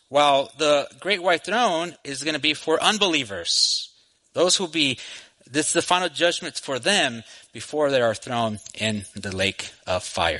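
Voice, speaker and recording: Guest preacher in his forties, forceful tone, chatty delivery, repeats himself as he goes. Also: medium pitch, poor audio. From Texas. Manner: friendly, conversational with frequent restarts. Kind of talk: sermon. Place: church sanctuary. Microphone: microphone.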